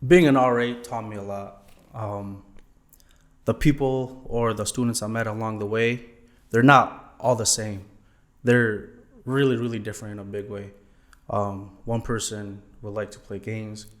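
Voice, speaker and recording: A man's voice: lowish voice, fairly even intonation, a little slow. A young man from Thailand answering interview questions politely, often saying yes sir and um. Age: young adult. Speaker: guest, former college student.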